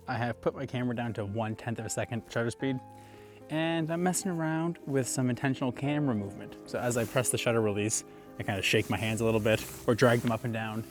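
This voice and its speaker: A young adult man, a landscape photographer, casually talking to camera while out walking in snowy woods. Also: medium pitch. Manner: relaxed, musing, talks while walking. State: out of breath. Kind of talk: casual vlog narration on location.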